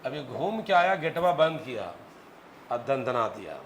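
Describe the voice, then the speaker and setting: Physics teacher guy, lively storytelling and quizzing the class, echoey classroom. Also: medium pitch, unhurried. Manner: animated, quizzing students. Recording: echoey classroom, faint noise.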